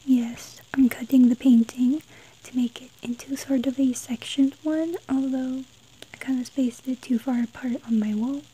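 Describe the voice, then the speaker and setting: A woman narrating an art tutorial step by step in a soft, breathy whisper. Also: high-pitched, steady tone, normal speed, a little hiss or hum, rough recording.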